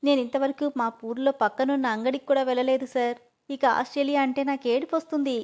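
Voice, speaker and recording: A woman's voice: high-pitched, fast, a little mellow, natural voice. A woman voicing a timid young village woman who speaks in a tearful, pleading way. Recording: dull lo-fi audio.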